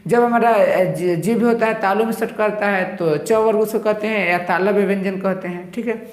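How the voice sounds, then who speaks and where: A man's voice: high voice, fairly even intonation, moderate pace. A male teacher giving a grammar lesson, asking his own questions and answering them with repeated terms. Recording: roomy echo.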